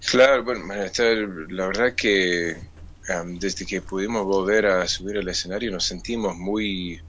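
A man, a musician guest on a radio interview, explaining things in a measured, thoughtful way. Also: low voice, a bit bright, highs cut off, a little hiss or hum.

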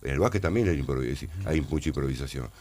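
Very deep-voiced Argentine man, halting. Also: animated, mellow. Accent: Argentine Spanish. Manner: halting, repeats words while searching for them. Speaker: actor being interviewed. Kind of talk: casual interview talk.

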